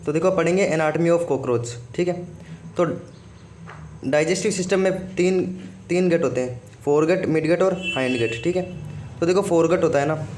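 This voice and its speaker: A man's voice: a little high, moderate pace, darkish tone, a little hiss or hum. A man teaching a biology lesson for exam prep, who keeps repeating "okay" and asks himself questions before answering them.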